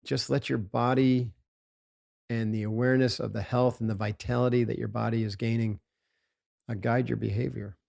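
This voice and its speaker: A man's voice: mid-range voice, flat delivery, moderate pace, gravelly, a little mellow. A man, a guest on a podcast interview, talking in an emphatic coaching tone and often asking "right?".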